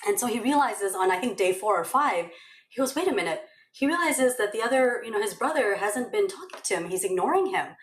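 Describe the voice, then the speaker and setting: A woman's voice: medium pitch, animated, a little fast. Chatty woman telling a story, roomy sound. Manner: chatty, many fillers and "okay? right?" check-ins. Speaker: meditation teacher. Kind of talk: casual spoken storytelling and teaching. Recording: roomy echo.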